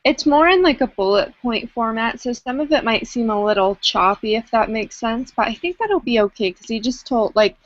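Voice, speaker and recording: Woman sharing her screen, higher voice, hedgy, dull call audio. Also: animated, normal speed, hardly any pauses, no room sound. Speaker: discussion group member. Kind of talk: casual group discussion. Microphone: video call.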